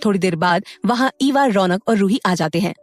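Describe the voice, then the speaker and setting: A woman narrating an audio story in an even storytelling manner. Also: medium pitch, a little fast, dry recording, faint music behind.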